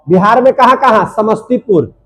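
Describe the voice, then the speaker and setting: High-voiced teacher drilling answers. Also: male voice, normal speed. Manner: call-and-response drilling, repeating each answer. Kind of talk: classroom lecture.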